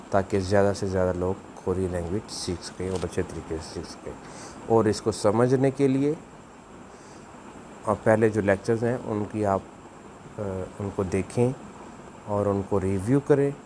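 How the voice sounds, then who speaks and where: A man's voice: on the low side, dark tone, a little hiss or hum. A man, giving a video language lesson, explaining patiently and repeating words for practice. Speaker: language teacher.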